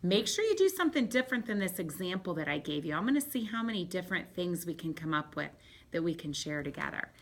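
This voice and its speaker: Woman, teacher, fairly low voice, sing-song, slow read-aloud, encouraging, home lesson for little kids. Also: very animated. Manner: bright, encouraging teacher talk. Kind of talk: home lesson for young children.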